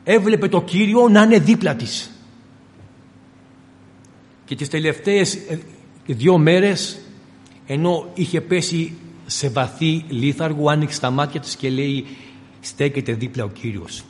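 A man preaching a sermon to his congregation, fervent, swinging between loud appeals and quiet storytelling. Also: a little high, long pauses, in a large hall.

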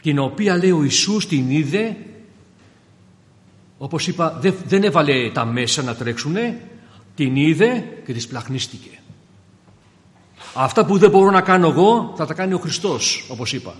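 A man preaching a sermon to his congregation, fervent and swinging from hushed passages to loud ones, often calling them brothers. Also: fairly high pitch, lively intonation. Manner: keeps addressing the congregation as brothers. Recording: long reverb of a large hall.

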